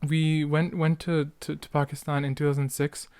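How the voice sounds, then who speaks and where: A young Canadian man in his late teens or early twenties hosts a solo podcast, chatting casually and reminiscing in a rambling, self-interrupting way full of youthful slang. His voice is a little high, with flat delivery at normal speed and a darkish, clear, resonant tone. The recording is dry, with clean studio sound.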